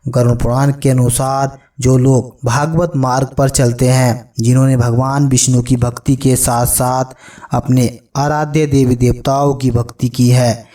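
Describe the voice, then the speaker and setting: A man narrating a religious story in a solemn, measured scripted delivery, addressing listeners as friends. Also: medium pitch, little pitch movement, warm tone, distant mic.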